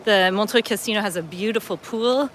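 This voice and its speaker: A woman's voice: medium pitch, a little fast, fairly bright tone, a little hiss or hum. A middle-aged woman from upstate New York, hosting a casual livestream on a lakeside waterfront, chatting and reading viewer comments aloud as she walks. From upstate New York, USA. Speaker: travel vlogger hosting a livestream.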